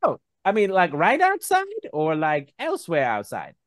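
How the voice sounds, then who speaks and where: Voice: medium pitch, wildly swooping pitch, normal speed, no room sound, clean studio sound, pitched above the performer's own voice. A game master voicing an obliging old man who works a hotel front desk in a tabletop game, with breezy, reassuring patter. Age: older.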